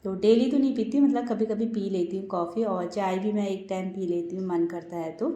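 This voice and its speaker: Mellow-voiced woman chatting over her routine. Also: medium pitch, fairly even intonation, brisk. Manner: chatty, often addresses viewers as friends. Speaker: home vlogger and mother. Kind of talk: casual voice-over narration of a daily routine. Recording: roomy echo with faint background music.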